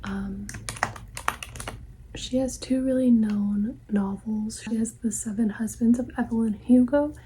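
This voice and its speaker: A woman in an ASMR ASMR role-play, playing a polite, helpful librarian in a soft, breathy library soft voice with a gentle, attentive manner. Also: on the high side, fairly even intonation, a little slow, low-quality recording. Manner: gentle, hushed, attentive customer-service talk. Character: helpful, polite female librarian recommending books to a customer.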